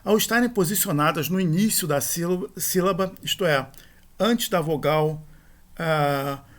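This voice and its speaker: A man's voice: on the high side, measured pace. A middle-aged man gives a recorded grammar lesson. He explains patiently, often corrects himself and adds little tag questions. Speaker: teacher. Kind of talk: recorded grammar lecture over slides.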